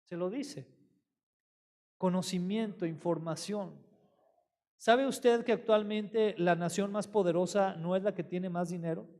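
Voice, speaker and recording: A man preaches a sermon in a high, lively voice. He tells his story with energy and keeps asking his congregation questions. A long reverb from a church hall trails behind his words. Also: a little slow. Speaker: pastor.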